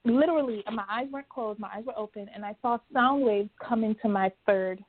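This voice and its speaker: A woman in casual chat, telling a personal story in an animated way. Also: fairly high pitch, fairly quick. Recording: tinny phone line.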